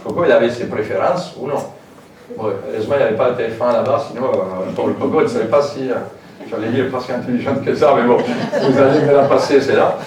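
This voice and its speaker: A man's voice: mid-range voice, fast talker, darkish tone. A man giving a public lecture in a hall, informal and hesitant, with many fillers and asides. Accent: French with a foreign lilt. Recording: very echoey hall, distant mic, faint noise.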